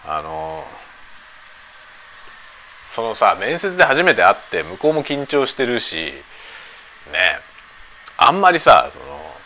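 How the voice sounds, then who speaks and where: A middle-aged man chatting casually on a lunch-break stream, rambling in colloquial phrases with drawn-out tags at the ends. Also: fairly low pitch, sharp tone, slight background noise. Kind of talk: casual lunch-break chat while preparing food.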